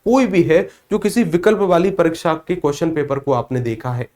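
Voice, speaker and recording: A man teaching a spoken grammar lesson, sounding out letters slowly and putting questions to the class that he then answers himself. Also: on the high side, expressive, darkish tone. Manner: explains by asking questions and answering them himself. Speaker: Hindi teacher.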